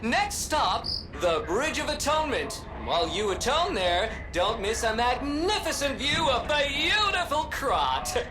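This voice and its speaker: Game puppet sidekick, theatrical railway-captain announcement, wry and unhurried, over music. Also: male voice, very high voice, sing-song, exaggerated voice. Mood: showy, cheerful. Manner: showy, theatrical, wry asides. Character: chatty, jokey male puppet companion posing as railway tour captain. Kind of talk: mock transit tour-guide passenger announcement. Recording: game audio with music behind.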